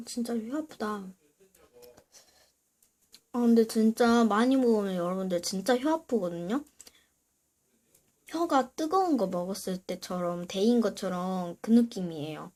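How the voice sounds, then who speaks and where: A woman's voice: mid-range voice, a little mellow. A woman hosting a casual eating video, chatting to viewers between bites of sour candy. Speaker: mukbang video host.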